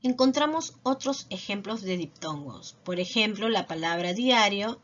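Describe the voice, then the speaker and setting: A woman teacher giving a recorded lesson, explaining slowly and patiently and checking in with little tag questions. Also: medium pitch, animated, fairly bright tone. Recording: dull lo-fi voice recording.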